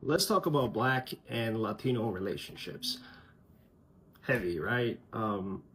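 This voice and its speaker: A man's voice: fairly low pitch, animated, unhurried, noisy background. A man from Colombia, raised in the US, talking frankly and conversationally to his channel's viewers. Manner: frank, conversational, many fillers. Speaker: channel host. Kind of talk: casual opinion vlog.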